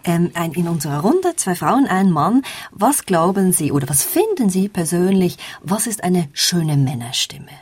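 Husky woman explaining voice research. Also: on the low side, expressive, normal speed, a little mellow. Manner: explanatory, demonstrates sounds. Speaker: book reviewer guest. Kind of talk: radio book discussion.

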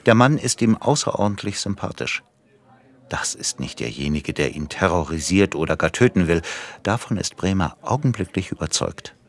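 A man narrating a radio drama in a calm, measured storytelling voice. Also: deep voice.

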